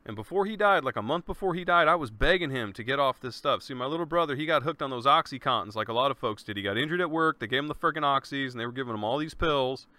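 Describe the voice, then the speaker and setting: Laid-back guy talking solo on his podcast, kinda bright tone, dry room, says man a lot. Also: medium pitch, lively intonation, quick pace, few pauses, dry recording. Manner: laid-back, earnest, peppers speech with "man" and swearing. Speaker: podcast host. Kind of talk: casual solo podcast monologue.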